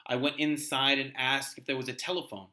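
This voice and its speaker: A man's voice: medium pitch, little pitch movement, a little fast, bright, forceful tone, pitched below the performer's own voice, close to an everyday voice. A man playing a frightened, desperate young driver haunted by a phantom, in intense dramatic first-person storytelling. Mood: haunted, weary. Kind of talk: dramatic first-person radio-play narration read aloud.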